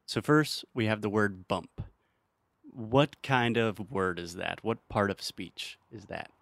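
A man's voice: lowish voice, takes it slowly, creaky, a bit bright, no echo. A man hosting an English-learning podcast, teasing his guest and explaining grammar patiently with examples. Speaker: podcast host and English teacher. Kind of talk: casual teaching chat.

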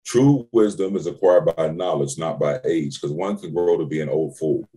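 A man sharing life advice on a podcast in short, emphatic, slangy bursts. His voice is very deep and dark, with a husky grain. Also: moderate pace, rough recording. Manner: emphatic, slangy, delivers life lessons in short punchy phrases. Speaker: podcast co-host. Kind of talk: casual advice talk.

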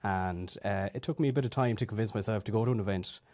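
Fast-talking young West of Ireland man, low voice. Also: a little mellow. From Galway, west of Ireland. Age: 20s. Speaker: youth political group president, interview guest. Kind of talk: conversational interview answers.

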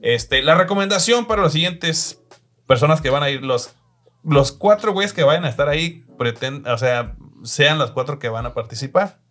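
A man's voice: on the high side, animated, moderate pace, fairly bright tone. Laid-back Mexican man hosting, swearing. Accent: Mexican Spanish. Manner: laid-back, swears often, laughs between comments. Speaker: host. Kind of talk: casual chat reading viewer comments.

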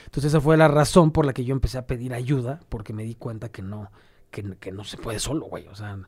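Fast-talking Mexican man, dark and dry. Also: medium pitch, fairly even intonation, no room sound. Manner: fast, slangy, casual. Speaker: podcast host. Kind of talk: casual conversational interview.

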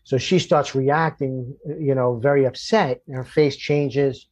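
A man who works as a firefighter recounts a call in a halting, earnest way, often restarting his sentences. His voice sits at an ordinary middle pitch for a man, and he talks it through in a conversational manner. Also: steady tone, darkish tone. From Florida. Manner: halting, many restarts, gets emotional. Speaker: firefighter guest. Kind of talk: storytelling in conversation.

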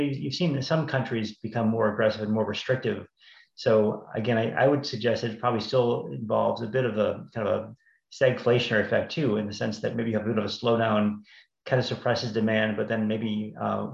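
Male market pundit, lowish creaky voice, hesitant conversational delivery, roomy recording. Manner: hesitant, rephrases often. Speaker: market commentator on a panel. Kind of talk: conversational financial commentary. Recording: roomy, slightly dull audio.

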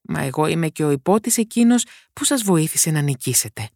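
Woman voicing a young fairy-tale prince, earnest, confident, lively pitch, dry sound. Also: creaky, dry recording, exaggerated voice. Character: brave young prince in disguise.

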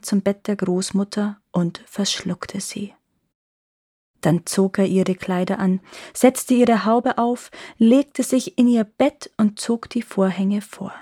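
A woman reading a fairy tale aloud in a calm, clear storytelling manner. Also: medium pitch, no echo, clean studio sound.

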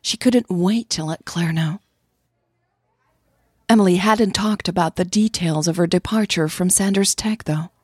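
A woman with a husky, slightly breathy voice narrates an audio drama as a scripted storyteller. Her voice is on the low side with a darkish tone. The recording is very dry, with no room sound around her words.

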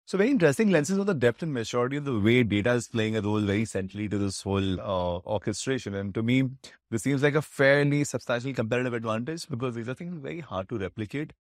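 A man's voice: mid-range voice, lively intonation, fast talker, no echo, studio quality. A man with an Indian English accent hosting a business interview, framing long, analytical questions in a conversational way. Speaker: interviewer, podcast host.

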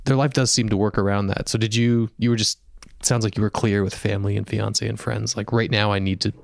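A man's voice: lowish voice, steady tone, a little fast, creaky, no room sound, studio quality. A man hosting an interview podcast, thoughtfully summarizing and asking questions. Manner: thoughtful, summarizing guests' patterns. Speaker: podcast host.

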